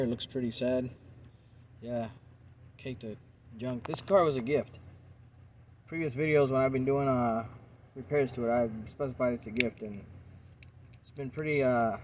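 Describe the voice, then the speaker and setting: Relaxed man talking through a car repair. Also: mid-range voice, a little hiss or hum. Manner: relaxed, rambling, thinks aloud with fillers. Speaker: car repair video maker. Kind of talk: casual how-to narration. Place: inside a car.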